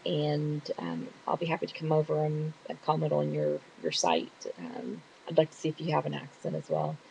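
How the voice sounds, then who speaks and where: A woman's voice: low voice, vocal fry, a little mellow, low-quality recording. A middle-aged woman with a Texas accent, chatting casually and rambling a little as she answers questions. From Texas, USA. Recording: hissy home recording.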